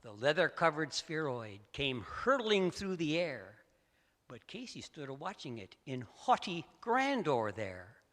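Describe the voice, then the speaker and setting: A male storyteller giving a theatrical poetry recitation, swinging from hushed lines to loud outbursts in a large assembly hall. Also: a little high, sing-song, measured pace. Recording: echoey hall.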